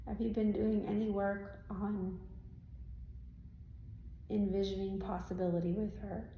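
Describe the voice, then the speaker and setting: Through tinny audio, a woman with a narrow, natural mid-range voice speaks unhurriedly with little pitch movement. As a trance channeler in an indoor event room, she voices a serene spirit guide giving instructive guidance to audience questions, her phrasing stilted and formal with frequent questioning tags. Roomy live sound and faint noise surround her.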